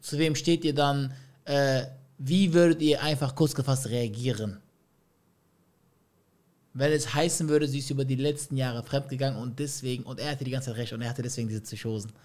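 A man's voice: mid-range voice, fairly even intonation, moderate pace, a little mellow. A man reacting to a clip, musing aloud in casual slang and putting questions to his viewers. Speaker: reaction streamer.

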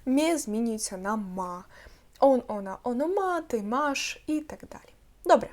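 Female language teacher, slightly high voice, patient step-by-step explainer. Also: lively intonation, darkish tone. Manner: explains patiently, sounds out words slowly with stress. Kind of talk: online language lesson.

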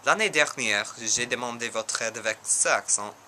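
A teenage American boy, a native English speaker, reading aloud in learner's French with a clear American accent, halting and correcting himself on harder words. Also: medium pitch, heavy background noise. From United States. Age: teens. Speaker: language student.

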